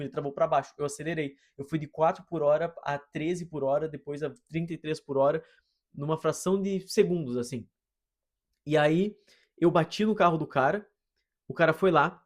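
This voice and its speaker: A young Brazilian man talks straight to his listeners in a loose, slangy monologue, his voice sitting a bit high for a man. He tells the story with lively energy and keeps dropping casual asides like a friend chatting. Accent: Brazilian Portuguese. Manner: slangy, animated, addresses listeners as "irmão" and "mano". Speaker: host.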